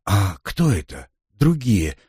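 A man's voice: fairly low pitch, wildly swooping pitch, slow, dark tone, slightly rough, no echo, clean studio sound, full character voice. A man reading the part of a curious young woman who keeps asking pressing questions. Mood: questioning.

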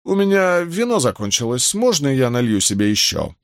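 A man's voice: mid-range voice, big pitch swings, moderate pace, dry recording, clean studio sound, voice pushed up. A man reading an audiobook, voicing a frightened, guilt-ridden older doctor who talks in a trembling, pleading way. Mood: flustered.

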